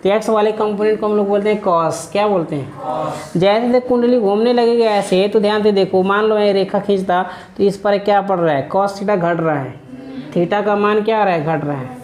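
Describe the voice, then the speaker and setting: A man's voice: high voice, fairly even intonation, fairly quick, a little mellow, echoey room, slight background noise. A man teaches a physics lesson to a class in a patient, drilling way. He throws out a question, answers it himself, and keeps repeating the key terms so they stick.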